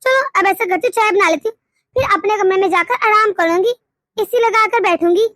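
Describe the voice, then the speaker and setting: A woman voicing a complaining, sharp-tongued young wife in a cartoon story. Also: extremely high pitch, fairly quick, dry recording. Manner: whiny, indignant.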